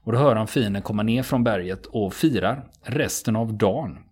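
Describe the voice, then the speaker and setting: Man, low-pitched, husky, podcast storytelling, conversational, matter-of-fact, frequent hesitations. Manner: steady, matter-of-fact telling with frequent fillers. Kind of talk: conversational retelling of a true story.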